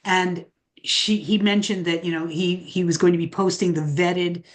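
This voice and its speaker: A woman with a lowish voice gives her astrology forecast on an online forum. She talks haltingly, with plenty of "um" and restarts. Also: fairly even intonation. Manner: halting, with many fillers and restarts.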